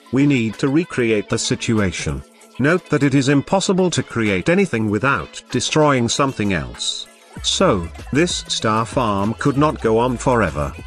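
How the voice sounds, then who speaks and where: Man narrating a science explainer. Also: medium pitch. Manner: plain, informal reading of a prepared script.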